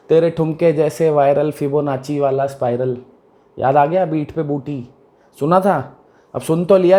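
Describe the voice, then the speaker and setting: A man's voice: high-pitched, darkish tone. A man teaching a math lesson in a casual, conversational way, often asking students whether they follow. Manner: conversational, repeats questions to check understanding.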